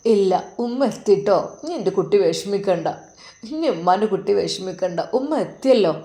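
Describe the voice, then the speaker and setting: A woman's voice: medium pitch, expressive, moderate pace, dark tone, reverberant, close to an everyday voice. A woman voicing a loving older mother, speaking in tender, tearful endearments.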